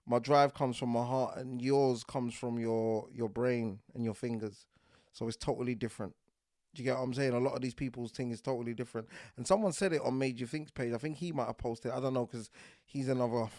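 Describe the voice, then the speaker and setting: A man hosting a podcast, talking in an animated, insistent monologue and often checking that the listener follows him. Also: mid-range voice, a little fast, no echo, clean studio sound. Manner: animated and insistent, keeps asking "do you get what I'm saying". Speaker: podcast host.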